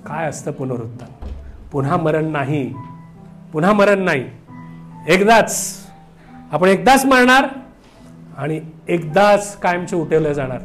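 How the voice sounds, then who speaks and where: A man preaching a sermon as pastor, with rising shouts and some English phrases mixed in. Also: sits high.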